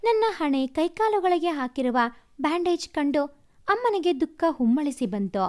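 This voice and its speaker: High-voiced woman storyteller. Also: very animated, normal speed. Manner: warm, addresses listeners directly. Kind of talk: storytelling narration.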